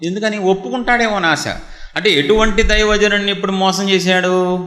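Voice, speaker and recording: A man preaching a sermon and asking his listeners one rhetorical question after another, often dropping to a low, intense tone. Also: fairly even intonation, a little fast, bright, forceful tone, reverberant.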